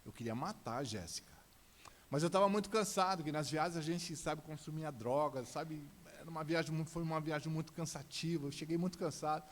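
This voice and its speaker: Middle-aged São man, church testimony, quick talker, somewhat high voice, hall reverb. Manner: animated storyteller acting out dialogue. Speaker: church guest giving testimony.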